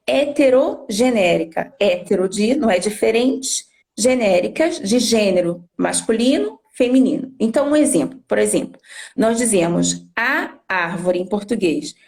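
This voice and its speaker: A woman's voice: a little high, a little mellow. A woman language teacher explaining patiently on a live stream, often checking in with tag questions. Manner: didactic, frequent tag questions.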